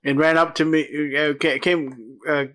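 A middle-aged man from South Texas co-hosting a casual podcast, his voice sitting a bit high and sounding bright and forceful. He rambles through his stories, restarts his sentences and laughs at himself often. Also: level tone, measured pace. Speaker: podcast co-host. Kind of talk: casual chat.

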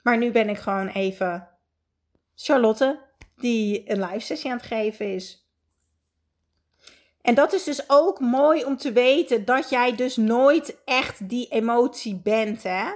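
A woman's voice: on the high side, slow. A woman coach talking earnestly in a live session, reflective and hesitating at times. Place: indoors at home.

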